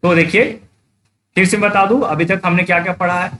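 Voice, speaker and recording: A man's voice: high-pitched, fairly even intonation, a little fast, fairly bright tone, a little hiss or hum. A man teaching a live exam-prep class online, explaining step by step, repeating key points and checking that students follow.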